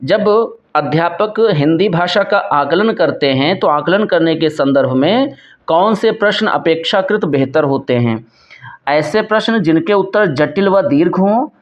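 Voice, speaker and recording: A male teacher giving an exam prep lecture, explaining step by step, reading out each question and asking and answering himself. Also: high-pitched. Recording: dull lo-fi recording.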